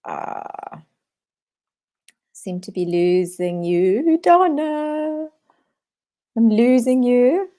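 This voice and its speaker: A woman interviewer talks over a video call, her slightly high voice arriving as buzzy, glitchy call audio. The line breaks up as she sounds flustered and checks the connection. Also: expressive, very slow, long pauses, warm tone. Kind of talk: casual video call chat.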